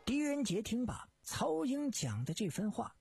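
A storyteller narrating a detective tale in measured phrasing for radio. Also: medium pitch, very animated, vocal fry, music in the background.

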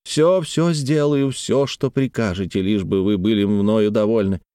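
A man reading the part of a playful, talkative young nobleman in love, with a raised, animated and teasing delivery. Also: lowish voice, measured pace, clean tone, no room sound, studio quality, natural voice. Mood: playful, ardent.

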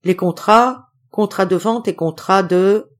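A woman reading an audiobook, voicing a sullen young ape-man with a hoarse voice who recites like a schoolboy. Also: medium pitch, slow, voice pushed up, lightly acted. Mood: reciting. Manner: reciting like a memorized lesson.

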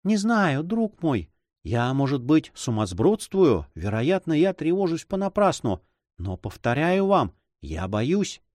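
Audiobook: a hesitant young woman in love, read by a male narrator, lively pitch, dry studio. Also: unhurried, no room sound. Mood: fearful. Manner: soft, fearful and hesitant. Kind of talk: audiobook reading.

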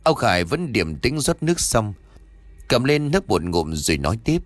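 A man's voice: medium pitch, moderate pace, no room sound, soft background music. A man narrating a scripted horror story and voicing its characters himself. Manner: lively, voices the characters' dialogue himself.

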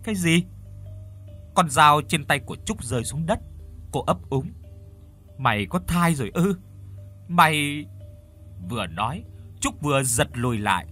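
A man narrating a dramatic horror story with expressive storytelling. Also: medium pitch, a little fast, breathy edge, faint music behind. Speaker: audiobook narrator.

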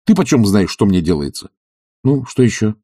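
A man's voice: fairly low pitch, big pitch swings, moderate pace, dark tone, slightly rough, no room sound, clean studio sound. Man voicing an irritable idle nobleman. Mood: scolding. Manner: impatient, scolding outbursts. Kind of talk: audiobook character reading.

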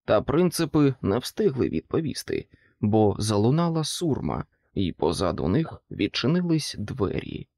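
A man narrating an audiobook in an expressive storytelling manner. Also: medium pitch, unhurried, creaky, no echo.

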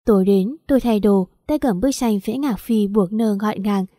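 A woman narrating a first-person audio story in an even, unhurried way. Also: medium pitch, no room sound, clean studio sound.

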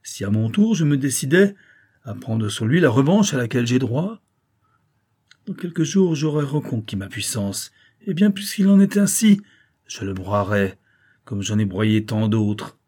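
A man reading a novel aloud, voicing a tormented, vengeful banker father who shouts and falters. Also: fairly low pitch, flat delivery, slow pace. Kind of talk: audiobook character reading.

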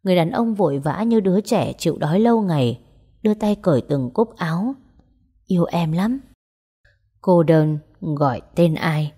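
A woman narrating a romance story aloud and voicing its characters in a gentle, even way. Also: lowish voice, normal speed, slightly rough. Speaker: audiobook narrator. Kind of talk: storytelling narration with dialogue voices.

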